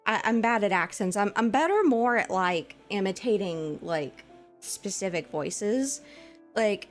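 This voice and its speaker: Over faint music, a VTuber in her twenties talks with viewers in an unhurried, expressive way. Her put-on voice is lighter and more feminine than her own low one, and her chatter wanders with fillers and giggles.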